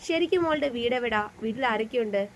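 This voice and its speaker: A woman voicing a caring older mother who speaks gently and protectively about her son in a storybook reading. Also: fairly high pitch, lively intonation, fast talker, slight background noise. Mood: gentle.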